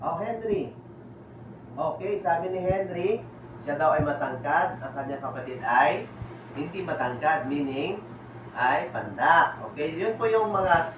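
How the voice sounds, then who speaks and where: A man teaches children at a slow, patient pace, sounding out each syllable. His somewhat high voice comes from a distance in an echoey room, with faint noise behind it. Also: expressive, a bit bright, lo-fi sound. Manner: mixes Tagalog with English and Ilonggo. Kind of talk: classroom teaching demo.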